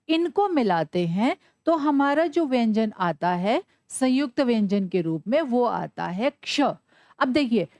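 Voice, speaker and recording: Lively woman teaching Sanskrit letters. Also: sits high, no echo. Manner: asks questions and answers them herself; spells out letters slowly. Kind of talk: classroom lesson.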